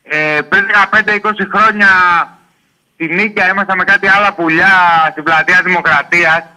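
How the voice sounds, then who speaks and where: A male caller with a high, very sharp and bright voice who chats casually and reminisces with an easy, friendly manner. He talks in loose, rambling stretches. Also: fairly even intonation, low-quality recording. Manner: chatty and reminiscing, laughing easily. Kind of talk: casual phone-in chat.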